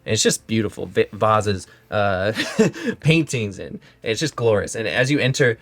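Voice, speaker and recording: A man's voice: lowish voice, very animated, measured pace. A man narrating as game master, describing scenes in a rambling way with many fillers.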